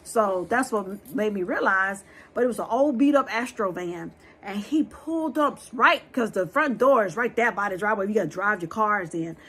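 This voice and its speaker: A woman telling a scary true story to her viewers in a lively, blunt way, talking straight to them and swearing freely. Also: medium pitch, moderate pace, slightly rough.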